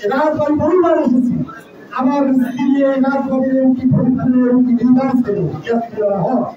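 Older male party speaker, shrill and fiery, repeating slogans; distant handheld mic, boomy room, crowd murmur. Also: fairly even intonation, brisk. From Bangladesh. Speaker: political speaker. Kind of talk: shouted rally speech. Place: crowded indoor party office. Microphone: handheld mic, filmed from far. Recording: echoey hall, far off, dull, crowd.

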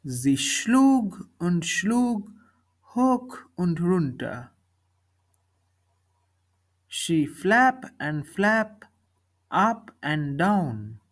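A woman reading a children's story slowly, speaking each line and then its translation. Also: fairly low pitch, sing-song. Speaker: narrator of a bilingual story. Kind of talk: slow storybook reading in German and English.

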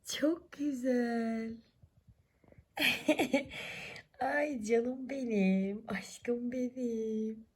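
A hoarse woman with her voice nearly gone, cooing and doting in soft baby talk at her sleeping cat at home, often half-whispering. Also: a little high, steady tone, extremely slow, long pauses. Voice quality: husky. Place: warm room at home.

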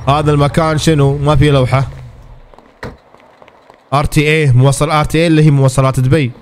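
A man's voice: on the high side, little pitch movement, quick pace. A man giving casual, exclamatory commentary as he plays a game and talks to his viewers. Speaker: gaming streamer.

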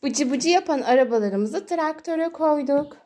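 Using lively, sing-song baby talk and repeating words, a high-pitched mother slowly narrates play with her young child. They're at home beside water play tubs, captured on a noisy phone recording with clicks.

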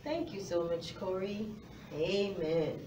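A middle-aged woman teaches a phonics lesson to young children in a warm, mid-range voice, speaking slowly and encouragingly right to them. A far-off camera across the classroom captures her, so the sound is roomy and distant with faint noise.

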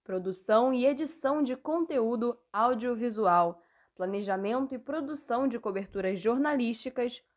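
A young adult woman with a slightly high voice gives a scripted presentation, reading in a measured, deliberate manner like a student reporter, yet animated. A small wired earphone mic captures her up close.

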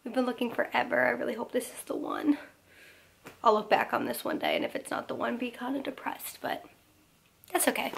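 A woman in her twenties chatting casually to a handheld camera in a vlog, upbeat and talkative with quick asides. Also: a little high, big pitch swings, gravelly, slight background noise. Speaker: vlogger. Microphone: phone or camera held at arm's length.

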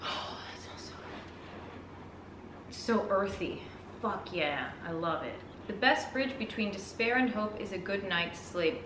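A woman who speaks English as a second language, chatting casually as she unboxes products, reads labels aloud and swears with excitement. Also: mid-range voice, a little slow, reverberant, far from the mic, noisy background. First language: not English. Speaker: vlogger reviewing products.

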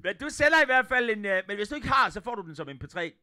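Heard in clean studio sound with no room sound, this livestream concert host and musician has a high, sing-song voice that's bright and forceful. He speaks with a Jutlandic Danish accent, rambling playfully, joking, and swearing freely between songs.

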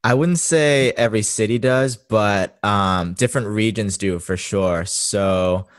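A man from Boston hosts a casual podcast chat in an easygoing, laid-back way. His voice is deep and low, recorded dry and close on the mic. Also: unhurried, dry recording. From Boston, Massachusetts. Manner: laid-back, relaxed interviewer. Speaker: podcast host.

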